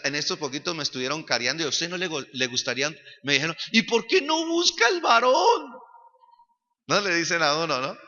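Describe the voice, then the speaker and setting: Male pastor, high bright forceful voice, preaching that swells to shouting, echoing church hall, dull recording. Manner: animated preaching that builds to shouting. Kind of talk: church sermon. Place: church sanctuary.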